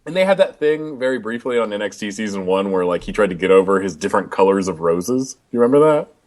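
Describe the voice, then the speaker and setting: A man's voice: on the low side, expressive, fast, a little mellow. A man as a guest on a casual podcast chat, sardonic and profane, laughing through his stories.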